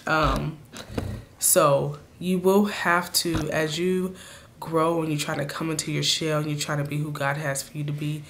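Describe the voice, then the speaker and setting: A woman with a raspy, hoarse voice from a cold, giving earnest motivational advice straight to her viewers in a casual vlog. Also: low voice, level tone, unhurried, a bit bright, a little hiss or hum. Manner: earnest, speaks to viewers directly. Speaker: vlogger.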